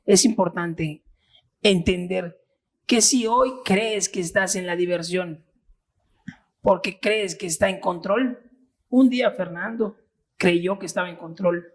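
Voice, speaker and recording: A man in his thirties speaks as an interview guest, recounting his own experience. He talks earnestly but haltingly, restarting phrases as he searches for words. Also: high voice. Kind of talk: personal testimony in interview.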